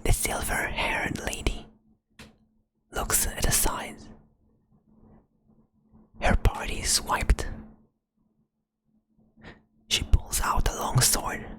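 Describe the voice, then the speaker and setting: Very slowly and with long pauses, a woman storyteller whispers a fantasy adventure close to the mic, addressing the listener as "you." The ASMR narration stays a soft whisper from start to finish.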